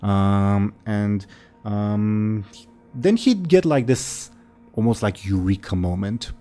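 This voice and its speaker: Male game master, mellow and low, casual halting improvised narration, soft music behind. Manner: hesitant, halting, informal.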